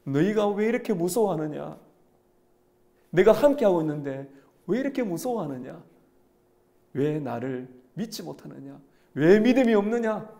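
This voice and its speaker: A man's voice: high-pitched, expressive, normal speed, gravelly, long pauses, mellow. A man preaching who voices a teacher lovingly rebuking his frightened followers with earnest, reproachful questions. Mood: loving rebuke.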